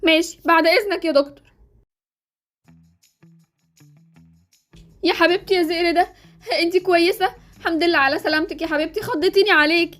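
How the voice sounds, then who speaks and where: Woman as an anxious Egyptian mom, very high, rattling off at top speed. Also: fairly even intonation, racing, fairly bright tone, soft background music. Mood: tender. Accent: Egyptian Arabic. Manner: frantic, pleading. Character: anxious, doting mother. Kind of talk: Roblox series voice acting.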